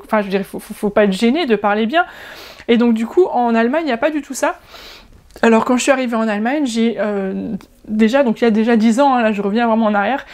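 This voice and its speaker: Chatty French woman, higher voice. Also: a little mellow. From France. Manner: chatty, many hesitations and restarts. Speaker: language-learning YouTuber. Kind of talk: casual vlog monologue.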